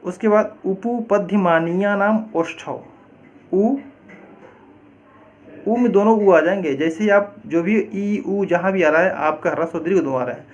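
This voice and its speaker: A man's voice: high-pitched, normal speed, pauses often, highs cut off. A male teacher-training lecturer who gives a classroom lecture, explains step by step, repeats his points and asks rhetorical questions. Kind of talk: classroom lecture on Hindi reading.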